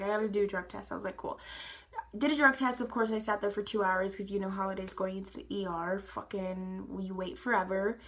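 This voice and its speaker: A young woman telling a rambling, profane storytime to her viewers, full of "like" and "guys" and quick laughs. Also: mid-range voice, a bit bright. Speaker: storytime vlogger. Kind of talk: casual storytime vlog.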